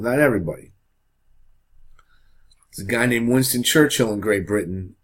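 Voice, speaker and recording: A man teaching a high school history lesson in a casual, chatty way, often checking in with the class. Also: slightly rough. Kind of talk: classroom lecture.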